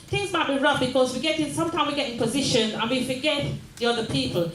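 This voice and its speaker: Older woman from Jamaica, mayor speaking to a crowd, higher voice, earnest and repetitive, echoey room. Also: fast, noisy background. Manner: earnest, repeats phrases, checks in with the audience. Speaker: mayor giving a closing speech. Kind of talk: community speech. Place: large room at a mayor's office. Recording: echoey room with faint ambience.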